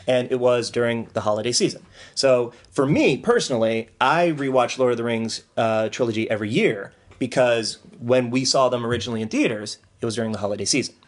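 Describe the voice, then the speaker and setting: An enthusiastic man from Ohio co-hosting a podcast, talking about films in an easygoing way. He laughs often, and his voice sits at an ordinary pitch. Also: a little fast. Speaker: podcast co-host. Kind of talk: casual movie chat.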